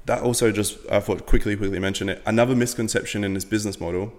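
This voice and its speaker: A man's voice: on the low side, fairly even intonation, quick pace, a little mellow, big-room sound. A young man from Latvia, a podcast guest, chatting casually in a rambling way with lots of fillers and the odd swear word. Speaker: podcast guest, business owner.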